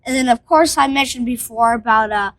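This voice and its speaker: Woman, high voice, hesitant co-host, off-mic, faint hiss. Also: brisk, fairly bright tone, recorded from a distance. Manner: hesitant, fillers. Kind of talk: casual chat about metal music.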